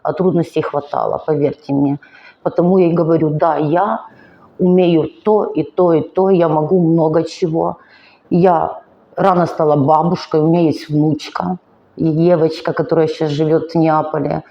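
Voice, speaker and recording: Her voice sits low with fairly even intonation as this Ukrainian woman in her 40s, a vlogger, tells her own life story. The confessional monologue is earnest and emotional but slow and halting, since she is weary and speaking takes effort. Lo-fi sound.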